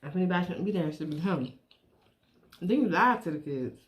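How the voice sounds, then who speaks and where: A middle-aged woman chatting casually to viewers while she eats, chewing as she talks and pausing between bites. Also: on the low side, lively intonation. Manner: chewing while talking, with pauses to eat. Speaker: mukbang vlogger.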